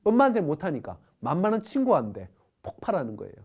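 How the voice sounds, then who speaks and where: A woman's voice: low voice, huge pitch swings, quick pace, a little mellow, husky. A middle-aged woman giving a parenting lecture, asking the audience rhetorical questions. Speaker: parenting educator.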